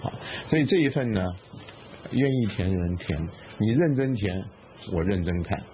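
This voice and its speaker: A man's voice: on the low side, expressive, moderate pace. A man giving a Buddhist dharma lecture to a class, emphatic, repeating phrases and asking rhetorical questions. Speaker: Buddhist meditation teacher. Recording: narrow phone-like sound with faint noise.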